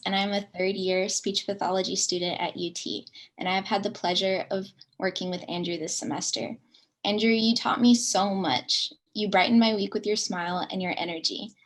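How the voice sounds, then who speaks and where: Young woman student, encouraging, mid-pitched voice, tribute at a ceremony. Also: fairly even intonation, normal speed. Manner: upbeat and encouraging. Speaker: speech pathology student.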